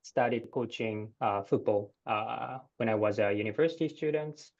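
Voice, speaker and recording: A man in his thirties from Japan, with a Japanese accent, answering interview questions in a measured way with many "uh" pauses. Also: lowish voice, gravelly, darkish tone. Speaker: guest researcher. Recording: dull lo-fi sound.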